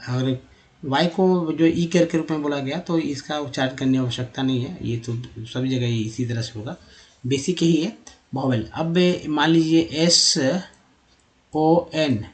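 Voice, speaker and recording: A man teaching English from India, explaining over slides in a patient way, repeating sounds slowly with many fillers. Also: on the high side, steady tone.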